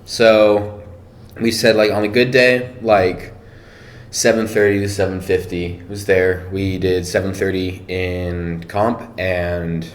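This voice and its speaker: Deep-voiced man chatting casually. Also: slow pace. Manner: relaxed, thinking aloud with many fillers. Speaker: powerlifter guest. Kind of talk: casual podcast chat. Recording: echoey room, faint noise.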